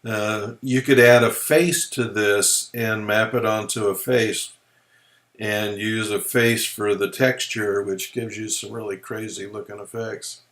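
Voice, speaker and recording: A man presenting a software tutorial, explaining features in a relaxed, folksy way as he clicks through them. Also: fairly low pitch, unhurried. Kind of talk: screen-recorded software walkthrough.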